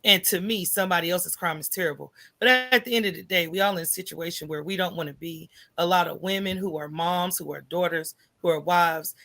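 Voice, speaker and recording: On a podcast, an American woman with a lowish voice speaks a little fast, with few pauses. Her storytelling is candid and conversational; she's animated, plays out remembered conversations, and regularly checks in by asking "right?"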